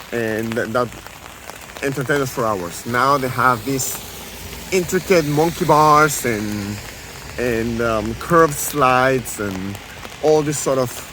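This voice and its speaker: Man vlogging outdoors, rambling with fillers, close handheld camera, steady rain noise. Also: medium pitch. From Venezuela. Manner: rambling, many fillers and restarts. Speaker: travel vlogger. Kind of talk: casual walking vlog. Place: outdoors in the rain, under an umbrella. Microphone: handheld camera held close. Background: rain falling.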